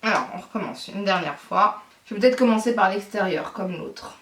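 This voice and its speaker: A woman from France, a beauty vlogger at home, chatting casually to her viewers, flustered and excitable, swearing and talking through each step. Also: mid-range voice, moderate pace, far from the mic. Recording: echoey room, speaking away from the mic.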